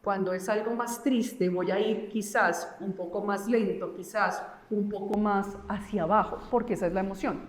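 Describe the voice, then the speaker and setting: A woman's voice: mid-range voice, fairly even intonation, moderate pace, few pauses. A woman, a speech therapist, explaining voice and articulation in an interview, laying out her points one by one and acting out examples. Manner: didactic, counts points, acts out examples. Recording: reverberant room.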